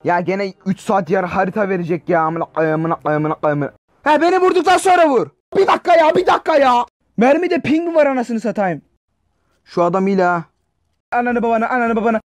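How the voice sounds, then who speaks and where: A man giving loud, excitable reactions while gaming, yelling and swearing at what happens on screen. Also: sits high, fairly quick, no echo, clean studio sound. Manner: excitable, yells and swears at the game. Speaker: gamer and YouTuber.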